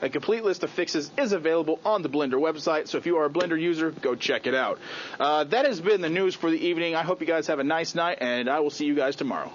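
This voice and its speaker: A man's voice: on the high side, fast, muffled recording. A man hosting a daily tech news videocast, reading stories in a chatty way with offhand asides. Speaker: news host.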